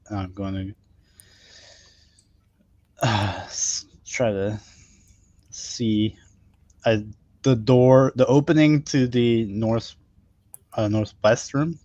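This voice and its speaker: A man playing a tabletop game, hesitant and halting, on slightly dull lo-fi audio. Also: on the low side, a little mellow, no echo. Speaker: player. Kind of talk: casual tabletop game play.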